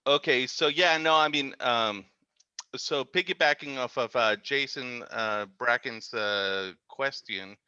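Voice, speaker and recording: A man's voice: medium pitch, takes it slowly, pushed and bright, clean tone, no room sound. Man on a choppy, breaking-up call. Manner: hesitant, full of fillers. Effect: choppy call audio breaking up. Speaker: commission member commenting at a council meeting. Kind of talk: public comment over a remote call. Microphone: remote video call. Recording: dull lo-fi remote call audio.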